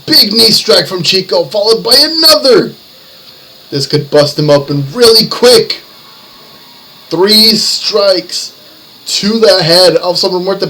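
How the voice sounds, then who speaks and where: A man with a slightly high, somewhat bright voice calls lucha libre play-by-play in short, building phrases. Music plays behind his commentary, and the low-quality recording carries a little background noise.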